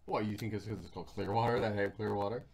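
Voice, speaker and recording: Chatty low-voiced man eating on a livestream. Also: fairly even intonation, rapid-fire, crowd noise. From Florida. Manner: rambling, chatty, talks while eating. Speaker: show host. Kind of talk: casual livestream chat.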